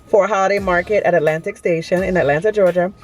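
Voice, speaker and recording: A woman vlogger, talking in a chatty, excited way at an outdoor holiday market. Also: fairly low pitch, fast. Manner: excited, chatty, says y'all a lot. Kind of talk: casual vlog chat.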